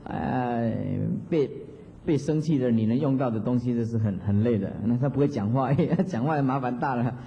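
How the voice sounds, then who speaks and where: A man's voice: medium pitch, normal speed, warm tone. A male Buddhist monastic teacher giving a dharma talk, chanting examples and chuckling often. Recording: dull lo-fi hall recording.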